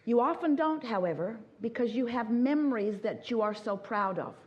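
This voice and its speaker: A woman's voice: fairly high pitch, lively intonation, moderate pace, muffled recording. A woman giving a motivational seminar talk, speaking as a collective "we" and repeating points for emphasis. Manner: emphatic repetition. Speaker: inspirational speaker.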